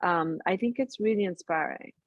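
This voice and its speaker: A middle-aged woman who grew up in Italy speaks English as a guest actress in a casual interview over a call. Her voice is lowish and her pace normal, coming in animated bursts with frequent restarted sentences. The sound is phone quality, with no room sound.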